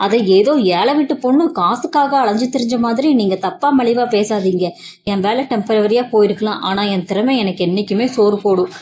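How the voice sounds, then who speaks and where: A woman's voice: mid-range voice, fairly quick, darkish tone, close to an everyday voice. A woman voicing a proud young woman, a dismissed lecturer, speaking with indignant emphasis in a story reading. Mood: defiant.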